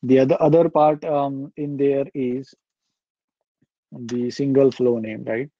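A young man presenting a live software demo at a meetup over a video call, talking casually and thinking aloud with fillers. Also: medium pitch, flat delivery, takes it slowly, no echo, muffled recording. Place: indoor room.

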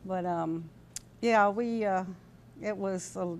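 A woman in her sixties from California, speaking with an American accent, is a guest in a TV studio interview, seated indoors at a desk and wearing a lapel mic. She reminisces casually and a bit hesitantly. Her mid-range voice is slow and a little mellow.

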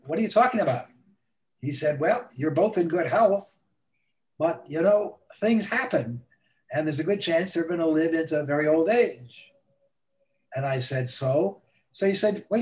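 Older Canadian-born retired rabbi. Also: male voice, a little high, darkish tone, rough recording. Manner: unhurried anecdotal telling, raising his voice to quote others. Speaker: retired rabbi, resident guest. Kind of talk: storytelling on a video call. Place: home room, indoors. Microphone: webcam on a video call.

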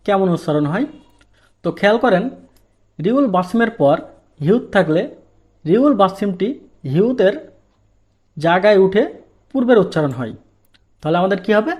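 A man with a high voice teaches a language class. He walks through each rule patiently, repeats it, and poses rhetorical questions before answering them himself. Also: darkish tone. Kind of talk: explaining a lesson step by step.

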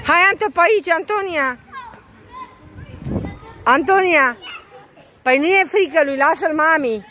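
A woman's voice: very high voice, sharp tone, a little hiss or hum. A young mother at an outdoor playground, coaxing and cheering on her children, switching between two languages.

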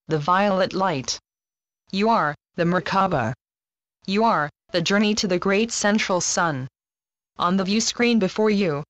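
A woman's voice: medium pitch, no room sound. Woman guiding a spiritual meditation, closely recorded. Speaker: guided meditation narrator. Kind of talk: scripted guided meditation narration.

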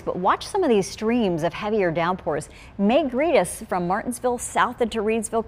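A middle-aged woman, a TV meteorologist, presenting a weather forecast in a studio, brisk and explanatory as she points along the maps. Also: lowish voice. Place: TV studio in front of a weather wall.

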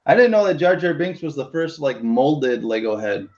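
A man's voice: mid-range voice, lively intonation, normal speed, darkish tone, lo-fi sound. A man hosting a casual livestream chat, reading comments aloud and laughing often. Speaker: livestream host.

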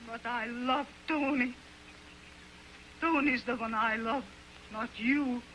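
An actress in an early sound film playing a frightened young wife who pleads in distress. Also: female voice, a little high, fairly even intonation, slow pace, fairly bright tone, a little hiss or hum, rough recording. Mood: defiant.

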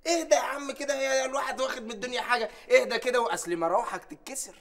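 An actor playing a cheeky, easygoing young helper with an Egyptian accent, answering back calmly to his boss. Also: extremely high pitch, rapid-fire. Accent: Egyptian Arabic. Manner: cheeky, calm back-talk. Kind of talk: sitcom acting. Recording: studio audience laughter.

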